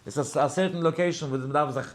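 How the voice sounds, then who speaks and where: A man's voice: on the high side, fast. Give me a man teaching a Torah class who wanders through a story and sometimes chants verses. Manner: rambling with many fillers, searching for words; mixes in English words. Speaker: rabbi giving a daily class. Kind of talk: Torah lecture in story form.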